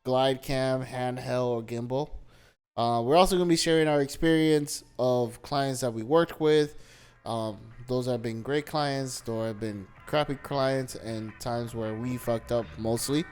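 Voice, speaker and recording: A man's voice: medium pitch, fairly even intonation, a little mellow, clean tone, faint music behind. Joking young man hosting a podcast. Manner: joking, teasing, quick to prod his co-host. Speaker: podcast host. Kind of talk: casual chat.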